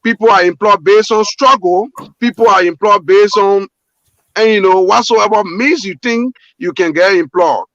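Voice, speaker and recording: A man's voice: high-pitched, normal speed, a bit bright, dry recording, dull audio. A Liberian man, a port manager guest on a call-in show, speaking earnestly with many repeats and restarts. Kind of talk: call-in radio interview.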